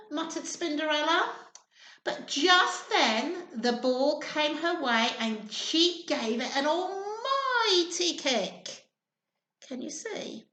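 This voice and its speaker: A woman with a high-pitched voice reads a children's story in an expressive, sing-song, encouraging style, stopping to ask her young listeners questions. The room sounds echoey.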